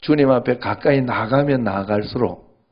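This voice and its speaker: A man's voice: medium pitch, normal speed, highs cut off. A male pastor giving a sermon in a conversational way, often checking in with the congregation.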